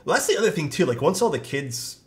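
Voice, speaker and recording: Talking fast in a sing-song, fairly high voice, a congested young man reads chat aloud on a live stream while assembling a keyboard. His nose is stuffed up, making him sound nasal, and faint music plays underneath.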